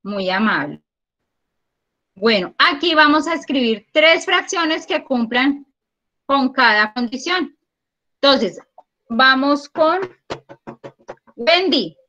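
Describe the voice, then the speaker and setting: A woman teaching a primary school math class over a video call, patient and encouraging, counting aloud slowly. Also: high voice, expressive, bright, forceful tone, lo-fi sound. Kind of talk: online class. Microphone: computer mic on a video call.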